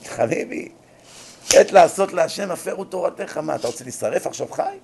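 Gravelly guy rabbi giving a religious talk, animated storytelling, voice sits a bit high. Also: slight background noise. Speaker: rabbi lecturer. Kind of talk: religious lecture.

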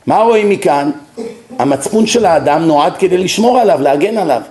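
A man's voice: fairly high pitch, roomy sound. A man lecturing as a rabbi, telling stories and asking rhetorical questions to his listeners. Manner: animated storytelling with rhetorical questions. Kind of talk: religious lecture.

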